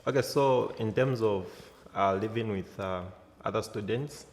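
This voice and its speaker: A man's voice: on the low side, measured pace, slight background noise. A young man from Zambia, an exchange student, answers interview questions hesitantly, with many fillers. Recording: hall reverb.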